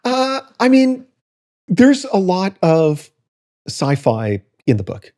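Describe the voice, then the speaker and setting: A man's voice: sits high, wildly swooping pitch, slow pace, mellow. A man co-hosting a podcast, reading quotes aloud and picking them apart, with lots of fillers and restarts. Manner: reads quotes aloud and comments critically, frequent fillers and restarts. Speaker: podcast co-host. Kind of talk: casual podcast discussion.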